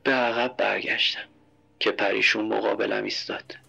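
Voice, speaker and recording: A man's voice: lowish voice, flat delivery, vocal fry, bright, forceful tone, slightly rough, lo-fi sound, faint music behind. A man narrating a dramatic first-person story, intense and emotional, at times sinking to a whisper.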